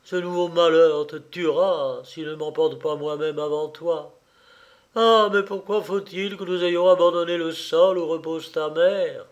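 A man's voice: on the high side, steady tone, a little slow, muffled recording, natural voice. A man voicing a grieving, wrathful old farmer in a storybook reading, with a quavering voice and bitter, commanding outbursts. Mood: sorrowful.

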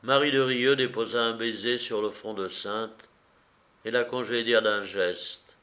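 Slow, deliberate male audiobook narrator. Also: fairly low pitch, fairly even intonation, bright, forceful tone. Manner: measured, deliberate. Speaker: audiobook reader. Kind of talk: scripted novel narration.

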